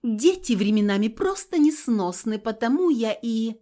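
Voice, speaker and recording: A woman's voice: fairly high pitch, lively intonation, normal speed, warm tone, lightly acted. A woman voicing a bossy, touchy female demigoddess in an audiobook, who coaxes and then snaps. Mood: snappish. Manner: coaxing, then snappish.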